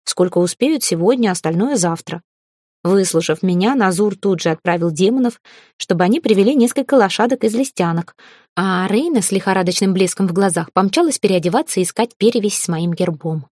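A woman reading a first-person audiobook in a calm, even storytelling manner. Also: mid-range voice, fairly quick, no room sound, studio quality. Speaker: audiobook narrator.

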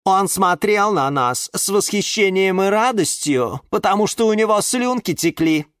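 Brief: high, sneering orchid lady voiced by a man, animated, dry. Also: moderate pace, smooth, no room sound. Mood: scornful. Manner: interrupting, mocking. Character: snappy, scornful female orchid. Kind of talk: audiobook character voice.

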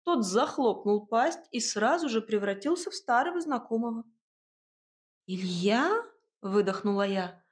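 A woman narrating a first-person novel aloud with a lively, ironic storytelling manner. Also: on the high side, moderate pace. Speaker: audiobook narrator. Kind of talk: expressive first-person fiction reading.

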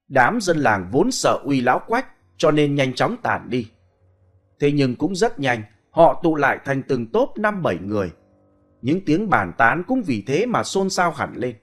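A man reading a ghost story aloud in a dramatic, expressive way. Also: mid-range voice, a little slow, soft background music. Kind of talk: scripted storytelling.

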